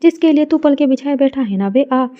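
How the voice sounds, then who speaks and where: A woman's voice: sits high, expressive, fairly quick, lo-fi sound. A woman voicing a playful young man who teases his friends and fusses over the woman he loves. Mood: teasing.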